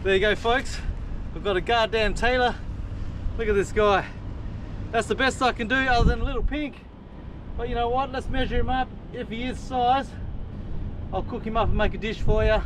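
A man's voice: extremely high pitch, fairly even intonation, normal speed, pauses often. A man chatting to viewers while fishing from a rock wall by the sea. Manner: chatty, upbeat, talks to viewers as guys and homies. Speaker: fishing vlogger. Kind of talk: casual narration to camera while fishing. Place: outdoors on a rock breakwall by the sea. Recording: outdoor wind noise on the mic. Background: wind and water noise.

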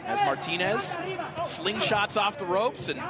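A man's voice: sits high, very animated, a little slow. A man giving live play-by-play boxing commentary in a polished, descriptive broadcast style. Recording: loud music and crowd behind voice. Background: arena crowd and music.

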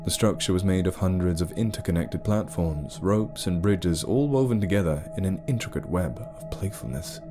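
A man narrating a scripted story in a low, measured storytelling voice. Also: over music.

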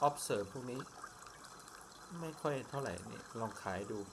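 A man chatting casually to viewers as he plays through a game, his volume swinging between loud and soft. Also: mid-range voice, expressive, a little slow, vocal fry, background noise. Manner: chatty, talks to viewers while playing. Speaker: game streamer. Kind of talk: casual gameplay commentary. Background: game music.

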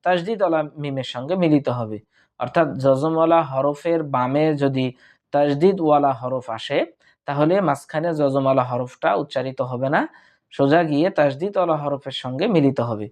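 A man's voice: a little high, fairly quick, darkish tone. A man teaching Quran recitation rules, breaking words into syllables and then chanting the verses drawn out. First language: Bengali. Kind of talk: slow tajweed lesson, spelling out and reciting verses.

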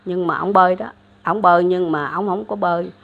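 An elderly woman with a Southern Vietnamese accent casually retells a religious legend, rambling with lots of fillers and restarts. Her voice sits on the low side with fairly even intonation and a slightly quick pace, captured in a dull lo-fi recording with a bit of hiss or hum.

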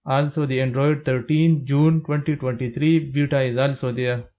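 A man narrating a step-by-step tech tutorial as a plain, steady voice-over. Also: mid-range voice, normal speed, lo-fi sound.

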